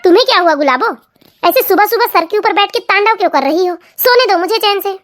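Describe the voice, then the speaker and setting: A woman's voice: very high-pitched, expressive, fast, slight background noise. A woman voicing a tired, lazy young husband in a comedy cartoon, grumbling and dodging. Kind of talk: cartoon family comedy voice acting.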